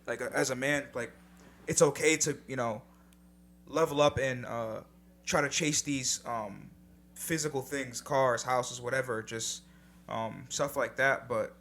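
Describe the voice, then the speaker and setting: At a measured pace, a young man with a mid-range, fairly bright voice and steady tone co-hosts a laid-back podcast. He reflects casually and drops in some casual swearing.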